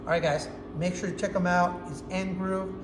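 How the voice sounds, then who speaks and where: Music plays in the background as a man in his thirties, whose voice sits high with fairly even intonation at a moderate pace, gives a casual, upbeat product review to his phone camera. He demonstrates enthusiastically with his hands. The hard-walled workshop is echoey, with faint background noise.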